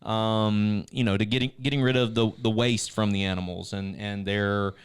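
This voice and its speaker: A man's voice: on the low side, little pitch movement, moderate pace, clear, resonant tone. A man, co-hosting a casual church video chat, rambling with frequent restarts and turning encouraging. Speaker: church staff co-host.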